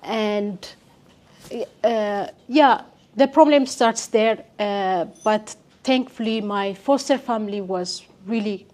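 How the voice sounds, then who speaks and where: A young Ethiopian woman, a guest on an interview, recounts her life story haltingly, full of pauses and fillers. Her voice is mid-range and a little mellow.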